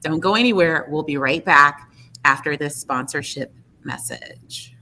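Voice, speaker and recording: A woman hosts a podcast interview with a bright, crisp tone set a bit low. She sounds upbeat and enthusiastic as she welcomes her guest and asks questions. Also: unhurried. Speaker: podcast host.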